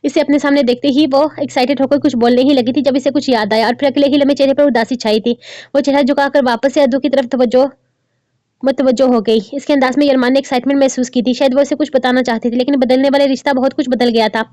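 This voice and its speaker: High-voiced woman reading a novel aloud. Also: steady tone, fast talker, mellow, no room sound. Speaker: narrator.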